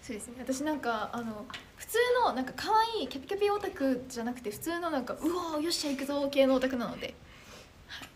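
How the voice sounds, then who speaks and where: Teen girl from Chiba, high voice, bubbly stream chatter, light background hiss. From Chiba, Japan. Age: teens. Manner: bubbly, quick, animated and self-deprecating. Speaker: idol trainee streamer. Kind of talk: casual livestream chat reading comments.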